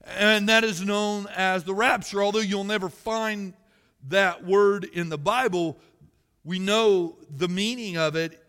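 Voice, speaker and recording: A man preaching a sermon to his church, reading scripture loudly and then dropping to quiet, personal musing. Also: high-pitched, unhurried, clear, resonant tone, in a large hall. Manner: animated, swings between loud scripture reading and quiet musing. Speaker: pastor. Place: church sanctuary.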